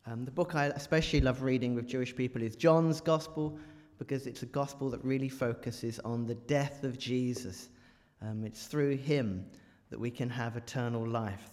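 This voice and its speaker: A man's voice: medium pitch, darkish tone. Joking man preaching in a church. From England. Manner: chatty and joking, quizzes the audience. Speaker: guest preacher. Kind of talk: church talk. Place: large church. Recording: reverberant church hall.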